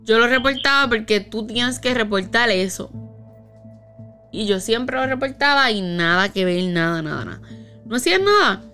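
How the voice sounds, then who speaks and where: A woman tells a story from her own life in a loose, chatty way. Her voice sits a little high, and she slips into the voices of the people she quotes. Soft music plays faintly behind her. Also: normal speed. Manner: animated, acts out quoted dialogue. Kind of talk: casual storytelling chat.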